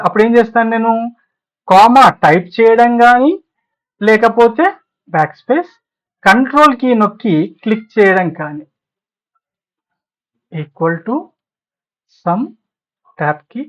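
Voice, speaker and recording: A man teaching a spreadsheet lesson over a screen recording, asking his listeners questions, answering them himself and repeating each point slowly. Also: high voice, rough recording. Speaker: spreadsheet tutor.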